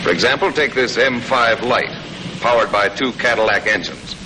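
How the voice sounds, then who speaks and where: On a noisy 1940s film soundtrack, an American man of medium pitch speaks at normal speed. His delivery is scripted and matter-of-fact with a folksy streak, just like the narrator of a military training film from that decade.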